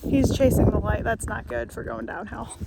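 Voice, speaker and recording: A woman's voice: a little high, animated, normal speed, gravelly. A young American woman vlogging casually on a hike, chatting cheerfully to her dog, recorded outdoors on a handheld phone. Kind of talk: casual outdoor vlog narration. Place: outdoors on windy desert hills. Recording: loud wind buffeting phone mic.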